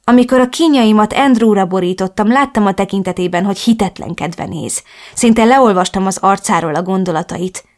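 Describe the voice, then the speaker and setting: Woman reading a novel aloud, first person, sad emotional narration, mid pitch. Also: a little mellow. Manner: emotional, melancholic storytelling. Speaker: audiobook narrator.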